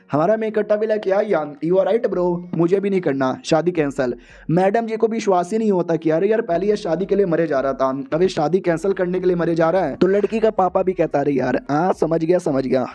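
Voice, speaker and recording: A young man tells a comic's story in a loose, joking way, his voice sitting high yet sounding mellow and soft-edged. He keeps dropping into quick, mocking voices for the characters. It sounds like a relaxed, chatty recap. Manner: playful, jokey, mocks characters in quick voices. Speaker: manhwa recap narrator.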